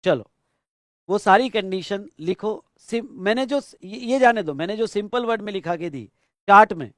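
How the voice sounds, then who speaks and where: Indian man, exam-prep teacher dictating answers, high voice, close dry sound. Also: expressive, no echo. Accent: Indian English. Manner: instructive, dictates slowly and repeats phrases; mixes Hindi and English. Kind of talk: online lecture, dictating answers.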